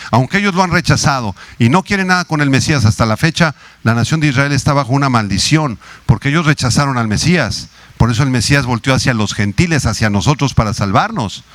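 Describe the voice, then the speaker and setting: A male pastor delivers a teaching sermon in a middle-range voice. He slows down to spell words out and lifts his pitch on key phrases. The sound is dry and close. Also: a bit bright, dry recording. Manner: teaching, spells out Hebrew words slowly, rises in pitch on emphasis.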